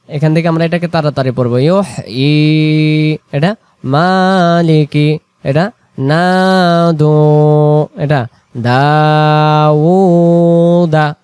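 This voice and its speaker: A man teaching Quran reading, drawing out example words slowly and then explaining quickly, asking and answering his own questions. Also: on the high side, a little mellow, no room sound. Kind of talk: explanatory lesson.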